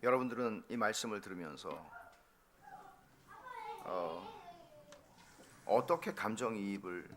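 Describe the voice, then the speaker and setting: A middle-aged male pastor giving a sermon to his congregation, moving between loud emphasis and hushed, whispered intensity. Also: fairly low pitch, measured pace, pauses often, background noise. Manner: speaks straight to the congregation. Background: soft piano and guitar music.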